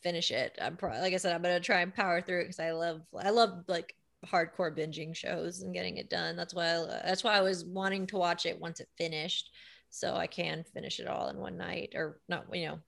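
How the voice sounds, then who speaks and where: A woman's voice: fairly low pitch, fairly even intonation, fairly quick, vocal fry, a bit bright. Female co-host, chatty and casual, full of little fillers. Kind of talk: casual chat.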